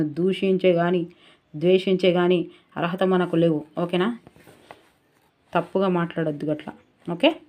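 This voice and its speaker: A woman's voice: medium pitch, a little mellow. A young woman with a Telangana Telugu accent, tutoring for exams and repeating key words in sing-song drills. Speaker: exam tutor. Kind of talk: memory tricks for exam revision.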